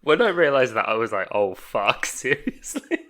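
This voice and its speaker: A man's voice: mid-range voice, sing-song, moderate pace, a bit bright. A man co-hosting a podcast, joking and laughing often in a casual film chat. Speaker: podcast co-host.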